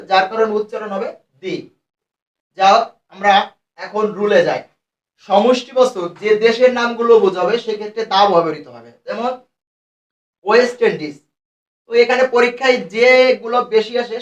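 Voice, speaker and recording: A Bangladeshi man teaching English grammar. He explains each rule step by step and reads the example phrases out slowly. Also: high voice, a bit bright. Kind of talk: grammar lesson. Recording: echoey room, mic at a distance.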